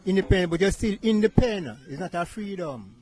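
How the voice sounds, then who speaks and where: A man's voice: high-pitched, expressive, brisk, darkish tone. A Jamaican man talking in Rasta speech with Patois-inflected English, reflecting philosophically in a casual interview. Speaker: interviewee, musician.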